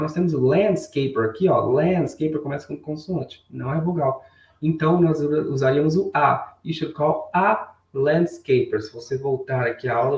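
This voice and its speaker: Male English teacher on a live stream, chatty, says English phrases slowly, slightly distant mic in an echoey room. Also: mid-range voice, a little mellow. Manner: bilingual, repeats English phrases slowly for learners; chatty, greets chat viewers by name. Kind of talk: live online English lesson. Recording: roomy sound, mic a bit far off.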